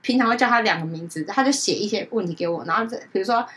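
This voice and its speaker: A woman, telling a story in casual chat as a podcast co-host and often checking in with her listener. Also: very fast. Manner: animated, keeps asking "you know?"; jumps into high-pitched voices when quoting others.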